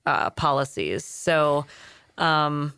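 A woman's voice: low-pitched, lively intonation, very slow, vocal fry, a bit bright, clean tone. A woman in her thirties, an HR consultant co-hosting a casual podcast, plain-spoken and keeping the talk moving. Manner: plain-spoken, moves the conversation along.

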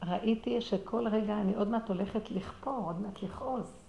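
A middle-aged woman telling a personal story in a religious talk, acting out the dialogue with animation and sinking into quiet, prayerful murmurs. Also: mid-range voice, gravelly, lo-fi sound. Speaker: speaker sharing a personal story. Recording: roomy echo with faint background noise.

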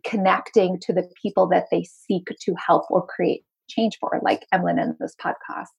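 A woman's voice: lowish voice, steady tone, normal speed, gravelly, slightly rough, low-quality recording. A woman from Zimbabwe with a light Zimbabwean and South African accent that is mostly American, an enthusiastic, earnest marketing coach chatting as a podcast guest. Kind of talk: casual podcast conversation.

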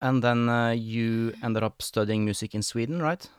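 Man, podcast host, smooth resonant voice, dry close sound, friendly, hesitant, frequent fillers. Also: mid-range voice, normal speed, dry recording. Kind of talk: casual interview talk.

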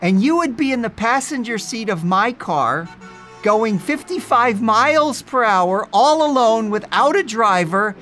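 A woman's voice: medium pitch, lively intonation, a little fast, few pauses, faint music behind, voice pushed up, lightly acted. A man voicing a fervent, insistent woman. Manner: insistent, dramatic warnings. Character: pushy devout woman friend, fervent.

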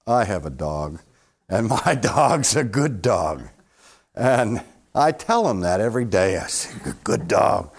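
Expressive male theology lecturer. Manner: expressive, swings between loud emphasis and hushed low asides; questions the audience directly. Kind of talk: classroom lecture. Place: lecture room with live audience.

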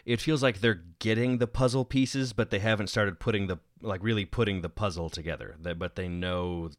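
A man's voice: on the low side, steady tone, dry recording, studio quality. A man co-hosting a podcast, agreeing eagerly and chatting about a TV show. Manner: enthusiastic, agreeable, quick laughs. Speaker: podcast co-host. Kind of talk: casual discussion.

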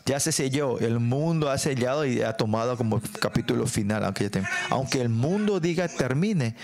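A man's voice: medium pitch, lively intonation, creaky, a crowd in the background. Man preaching a church sermon. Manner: adds frequent tag questions and fillers; reads scripture slowly and deliberately. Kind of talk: sermon with Bible reading. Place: church service.

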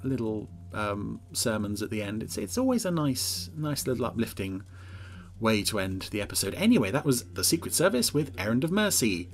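A man's voice: on the low side, sing-song, normal speed. A man hosting a casual episode commentary in a wry, rambling, hesitant way. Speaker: host.

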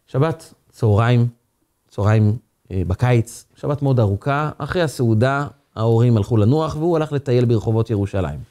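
A man, a rabbi, giving a sermon as a dramatic, expressive story. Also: medium pitch.

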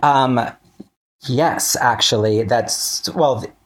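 A man with a mid-range voice chats in a relaxed interview about being a writer. He's wry and hesitant, interrupting himself and acting out asides as he goes.

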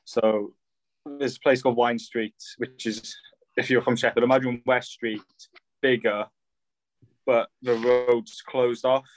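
A man's voice: mid-range voice, little pitch movement, unhurried, low-quality recording. A young man from Swansea with a Swansea Welsh accent, chatting casually as a guest on a podcast. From Swansea, Wales. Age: young adult.

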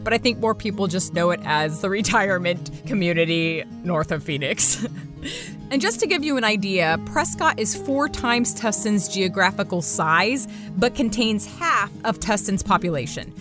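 A woman's voice: mid-range voice, expressive, normal speed, music in the background. A woman hosting and narrating a story podcast, with playful, chatty asides to the listener.

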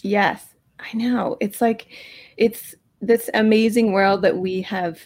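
Podcast co-host: woman, mid-pitched, loose and talkative. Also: steady tone, takes it slowly. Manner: chatty, warm introductions with fillers. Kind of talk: casual podcast chat.

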